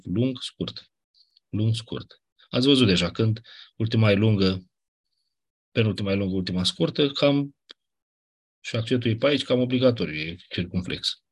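A man teaching a class, explaining grammar rules patiently, often checking that students follow and clearing his throat now and then. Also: mid-range voice. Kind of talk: classroom lecture on Ancient Greek grammar.

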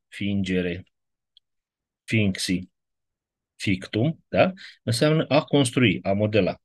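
Male lecturer, low husky voice, loose digressive classroom delivery. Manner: digressive, keeps checking in with rhetorical questions.

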